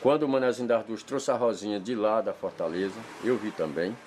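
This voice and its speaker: Man, low voice, faint outdoor noise. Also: brisk, darkish tone. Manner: plain storytelling with regional speech. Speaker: interviewee, local villager. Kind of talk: spoken testimony.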